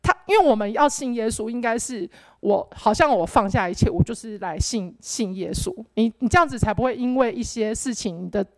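A young woman gives a rambling, animated personal faith testimony, full of filler words. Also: on the high side, a little fast, no room sound. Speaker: church member giving testimony.

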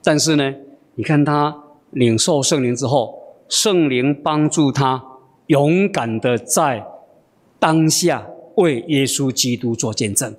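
A man preaching a sermon with expressive delivery and frequent drawn-out fillers. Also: fairly high pitch, big-room sound.

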